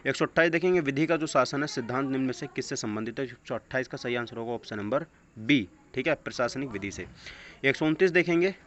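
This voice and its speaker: With lively intonation and a quick pace, a man with a mid-range, slightly bright voice teaches an exam prep lesson, reading out questions and answers and sprinkling in English phrases as he instructs. The audio is dull and lo-fi, with clear background noise.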